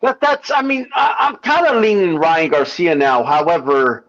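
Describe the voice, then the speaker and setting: A man's voice comes through a muffled, lo-fi line that sounds like a CB radio. He talks boxing in a slightly raised pitch, casual and halting, and often repeats himself before getting a thought out. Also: fairly bright tone. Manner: halting, repeats his words and restarts. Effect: sounds like talking over a CB radio. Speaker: caller on a boxing talk show.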